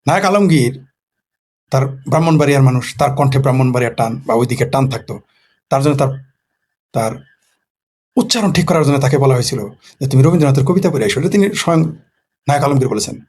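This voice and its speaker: A man's voice: mid-range voice, animated, fast talker, pauses often, a little mellow. A man from Bangladesh, a political commentator in a casual late-night monologue who poses rhetorical questions and answers them himself.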